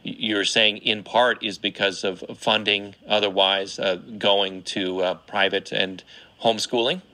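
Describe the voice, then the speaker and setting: Bright, low-voiced male public radio host. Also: fairly even intonation, low-quality recording. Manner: measured public radio host manner, questioning. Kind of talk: radio interview.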